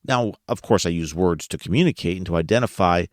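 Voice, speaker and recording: A US podcast host with a low voice talks fairly quickly and casually to his audience, asking rhetorical questions with the occasional chuckle. The sound is clean studio quality, free of echo.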